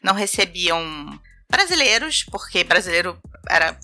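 Brazilian woman guest, bright and lively storyteller, does the voices, light music underneath. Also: on the low side, normal speed. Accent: Brazilian Portuguese. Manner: animated, acts out voices and laughs while telling stories. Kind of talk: casual storytelling chat.

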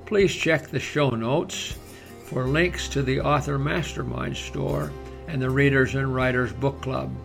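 A man reading scripted podcast narration in a measured, formal manner, like a nature documentary narrator. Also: medium pitch, steady tone, gravelly, over music. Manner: measured, formal read-aloud delivery.

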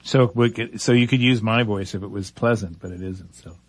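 A man's voice: lowish voice, fairly quick, no echo. A man from the Boston area co-hosting a radio show from a studio, chatting casually with a joking, self-deprecating manner. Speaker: radio co-host.

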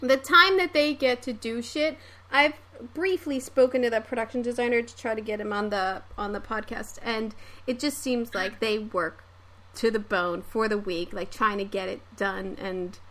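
Woman, podcast host, bright voice, slightly high, chatty and hedging. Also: normal speed. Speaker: podcast host, set decorator. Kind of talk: casual podcast chat.

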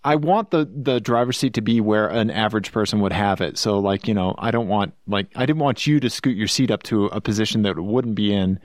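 A man's voice: on the low side, brisk, few pauses, dry recording, clean studio sound. A man with a Missouri accent and twang, hosting a casual car review podcast in a rambling, joking way. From Missouri, United States.

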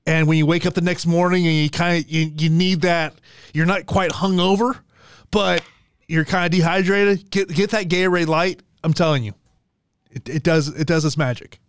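A man in his forties co-hosting a podcast, chatting in a chummy, animated way and often repeating himself. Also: a little high, normal speed, smooth, no echo. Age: 40s. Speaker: podcast co-host. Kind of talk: casual sports chat.

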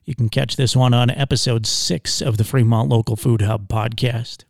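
A man with a mid-pitched voice hosts a podcast in an informal presenting style. The sound is close and dry, with no room around it. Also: steady tone, normal speed, gravelly, no room sound. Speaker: podcast host.

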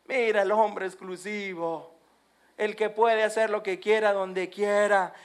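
Preacher telling a bible story, gets loud then drops to a hush, really dramatic. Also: medium pitch, steady tone, slow pace, clear, resonant tone. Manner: dramatic, swings between loud and hushed. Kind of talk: storytelling sermon.

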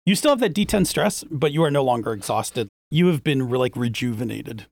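A man's voice: mid-range voice, lively intonation, brisk, creaky, a little mellow, dry recording. A man narrating as game master in a casual tabletop play session, talking loosely with lots of fillers. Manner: casual, filler-heavy narration with voiced asides.

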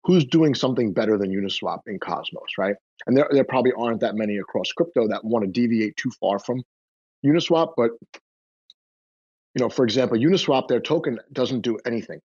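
This man's mid-range voice is darkish with a breathy edge, and he talks fairly quickly as a guest in a casual Twitter space. He often repeats and trips over his words, captured on a dull, dry lo-fi mic.

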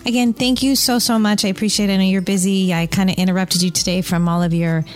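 A woman's voice: mid-range voice, steady tone, quick pace. Chatty, effusive female podcast host. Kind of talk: casual interview chat.

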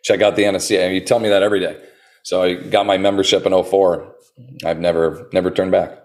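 Earnest low-voiced man telling stories. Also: quick pace. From United States. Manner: earnest, animated storyteller with many restarts. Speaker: personal trainer guest. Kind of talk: casual interview talk.

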